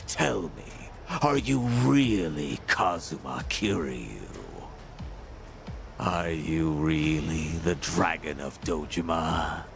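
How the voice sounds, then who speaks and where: A man playing a menacing, thrill-hungry middle-aged yakuza villain in a video game, with a gravelly, taunting drawl. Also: very deep voice, animated, slow, music in the background, heavily acted. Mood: disappointed, taunting. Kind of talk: dramatic video game acting.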